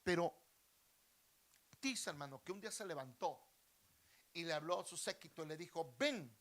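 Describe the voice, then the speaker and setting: A man's voice: a little high, normal speed, fairly bright tone. A man, a pastor preaching a sermon with fervor and often addressing listeners as brother. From Mexico.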